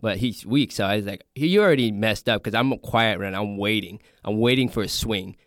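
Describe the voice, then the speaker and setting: Animated storytelling man, dry close mic. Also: on the low side, brisk, no room sound. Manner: animated storytelling, acts out quotes. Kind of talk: casual chat.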